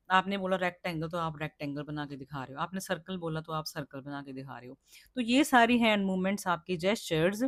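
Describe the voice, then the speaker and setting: A woman's voice: medium pitch, a bit bright, dry recording, studio quality. A woman teacher explaining teaching skills to trainee teachers, who often asks questions and answers them herself and checks that the class understands. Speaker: teacher educator.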